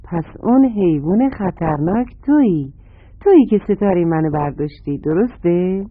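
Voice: medium pitch, lively intonation, dry recording, close to an everyday voice. Storyteller doing an angry little squirrel. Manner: insistent, scolding shouts. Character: angry little squirrel child, demanding his star. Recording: tinny phone-like radio sound, dry.

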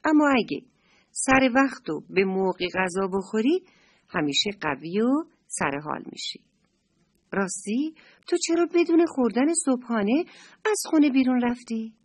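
A woman doing a gentle, patient mother. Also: on the high side, big pitch swings, long pauses, no echo, pitched above the performer's own voice. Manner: soft, explaining.

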